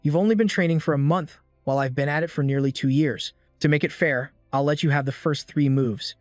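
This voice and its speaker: A man's voice: on the high side, brisk, a little mellow, no room sound, clean studio sound, soft background music, lightly acted. A man voicing a blustering hothead senior student. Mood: scheming. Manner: blustering, taunting. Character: boastful, hot-tempered male senior student.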